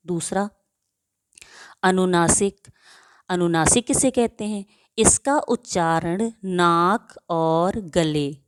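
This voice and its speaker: A woman's voice: fairly low pitch, no room sound, studio quality. A woman teaching a grade-school grammar lesson who asks her own questions and answers them, and drawls out example words to show how they sound.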